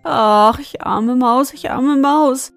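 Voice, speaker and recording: A woman's voice: sits high, measured pace, a little mellow, dry recording, soft background music, voice pushed up. A woman voicing a whiny, hungry female mouse who pleads and wails in a storybook reading. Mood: pleading. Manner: wailing, pleading and sobbing.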